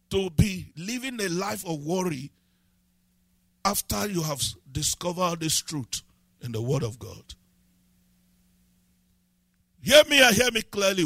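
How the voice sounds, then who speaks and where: A man preaching a sermon as pastor, building from calm scripture reading to shouted, sing-song emphasis. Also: on the high side, dry recording.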